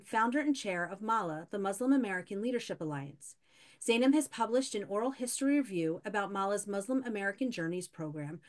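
A woman hosting a webinar, reading speaker introductions in a steady, formal way. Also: medium pitch. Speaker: event host.

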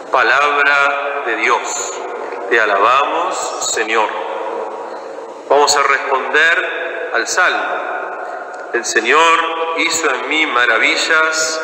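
A man, a priest celebrating mass, reading prayers and scripture in a slow, measured way in a large church. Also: medium pitch, sharp tone, slight background noise. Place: large ornate church, indoors. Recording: echoey church from far off.

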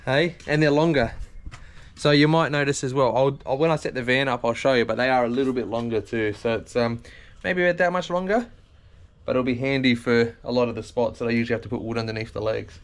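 A man's voice: mid-range voice, fast. A man in his thirties with an Australian accent, chatting casually to camera on a camping trip. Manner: chatty, laid-back, says mate and stoked. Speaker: vlogger. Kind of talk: casual travel vlog. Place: outdoors at a beach campsite and in a car.

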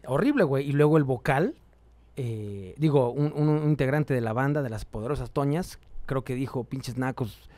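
A man with a Mexican Spanish accent, a guest musician telling stories in an animated, slangy, profane way. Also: medium pitch, moderate pace, no echo. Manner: animated, slangy and profane, full of quoted voices. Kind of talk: casual storytelling.

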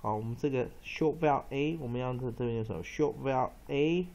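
A man teaching English pronunciation, repeating example words slowly and emphatically and dropping short filler particles between phrases. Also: medium pitch, a little mellow, dull audio. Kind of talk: pronunciation lesson.

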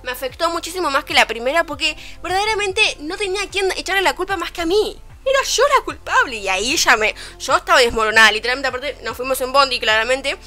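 A young woman with a Rioplatense accent, telling a story in a casual vlog, animated and swearing freely, quoting people as she goes. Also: sits high, quick pace, hardly any pauses, faint music behind. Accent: Rioplatense Spanish. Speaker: vlogger. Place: at home, her bedroom.

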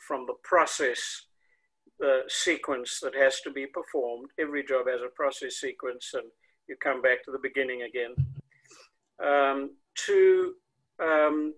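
An older South African man, in his 60s or 70s, explains things conversationally as a guest in an online interview; he's a consultant and coach. His voice is bright, sharp and fairly high. He's on earbuds over a video call from an indoor home room with windows, and the recording is rough.

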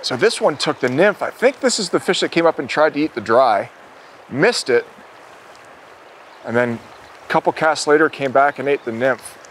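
A man in his thirties hosting an outdoor fishing show, wading in a small river and talking in an upbeat way that gets excited when a fish bites. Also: medium pitch, normal speed, long pauses, slight background noise.

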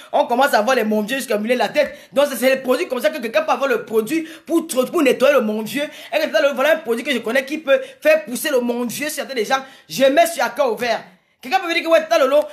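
A woman from Cameroon, giving an impassioned live monologue to her viewers, repeating her phrases for emphasis and greeting commenters by name. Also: sits high. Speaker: live streamer talking to viewers.

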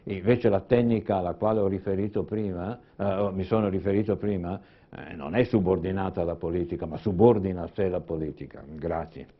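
Male panelist, low voice, measured lecturing style with restarts, dull lo-fi conference audio. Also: noisy background. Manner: deliberate, restarts and repeats words. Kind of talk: conference talk.

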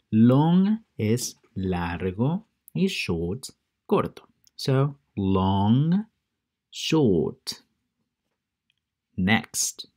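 A man teaching English words to children, repeating each word pair slowly and stressing how to say it. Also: on the low side, darkish tone. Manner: drills word pairs with slow, careful repetition; stresses English pronunciation for learners. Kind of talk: bilingual vocabulary lesson for children.

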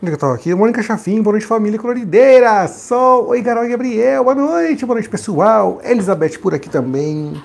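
A woman co-hosting a live stream, reading viewers' greetings aloud. Her voice is gravelly and husky, and her pitch swings up and down with lots of life. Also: a little fast, few pauses. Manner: lively, reads names and greetings aloud. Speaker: co-host reading viewer comments. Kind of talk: reading out live chat comments.

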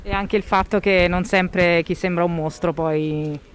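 A woman's voice: lowish voice, fairly even intonation, a little slow, slight background noise. A woman interviewer asking questions in a casual, conversational way.

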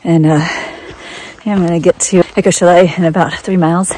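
Middle-aged woman, hiking vlogger, hot and worn out but upbeat, phone at arm's length outdoors, slightly low voice. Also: fairly even intonation, a little fast, dark tone, slight background noise. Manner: chatty, upbeat, laughs often. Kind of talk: casual trail vlog. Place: outdoors on a mountain trail.

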